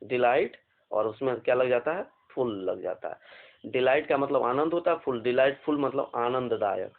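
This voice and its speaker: A man's voice: mid-range voice, lively intonation, normal speed, vocal fry. Man, teacher, exam vocabulary lesson, spells words out, repeats, tinny phone-like audio. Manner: spells words letter by letter, repeats and asks questions. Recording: phone-like narrow band.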